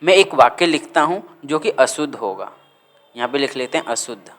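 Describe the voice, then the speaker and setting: A man teaching a grammar lesson, dictating words slowly and repeating them for students to write down. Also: mid-range voice, lively intonation, fairly bright tone.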